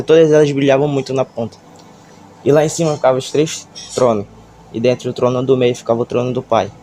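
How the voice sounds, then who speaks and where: Nervous Brazilian man, low flat dark voice. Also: a little hiss or hum. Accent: Brazilian Portuguese. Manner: halting, stammering, emotional retelling. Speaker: church member giving testimony. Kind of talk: church testimony.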